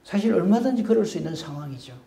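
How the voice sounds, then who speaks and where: Animated man preaching in echoey church. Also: high voice, fast, vocal fry. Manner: animated, acts out quoted speech. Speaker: pastor. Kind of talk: sermon. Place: church sanctuary.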